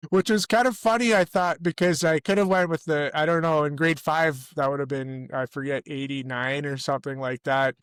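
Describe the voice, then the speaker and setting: A man's voice: on the high side, fairly even intonation, moderate pace, few pauses, a bit bright, clear, resonant tone, no echo. A middle-aged Canadian man co-hosting a casual sports podcast, rambling and correcting himself as he tells stories. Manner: rambling, self-correcting storyteller. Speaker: podcast co-host.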